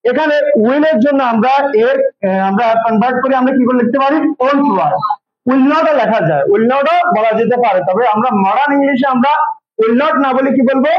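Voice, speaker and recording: Man, very high voice, English grammar lesson, repeats and quizzes students, dull lo-fi sound. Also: moderate pace. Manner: drills students with repeated call-and-response questions. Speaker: English teacher.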